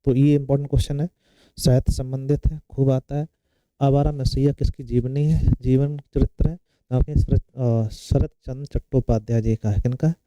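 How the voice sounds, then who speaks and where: Male coaching teacher, deep warm tone, dry close recording, repetitive question-and-answer drilling. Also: fairly even intonation, moderate pace, clear, resonant tone, dry recording, poor audio. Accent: Hindi. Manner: asks a question then answers it himself, repeating key words. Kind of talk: exam-prep Hindi lecture.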